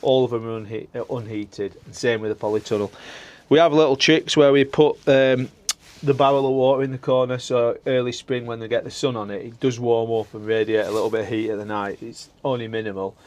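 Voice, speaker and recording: Working outdoors on his allotment and in a greenhouse, a man chats casually for a vlog, rambling along with plenty of filler words. His voice is medium-pitched and a little mellow, with fairly even intonation and a brisk delivery.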